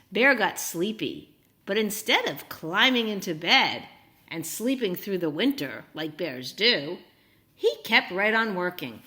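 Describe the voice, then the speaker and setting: Reading a story aloud to young children, a woman with a medium-pitched voice sounds animated and encouraging. She often puts questions to her listeners.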